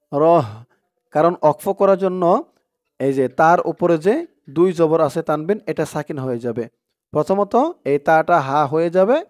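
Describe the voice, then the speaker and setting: A man with a Bangladeshi Bengali accent teaching Quran reading, spelling out letters and drawing out chanted words slowly. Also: a little high, darkish tone, dry recording, clean studio sound. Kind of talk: slow recitation lesson.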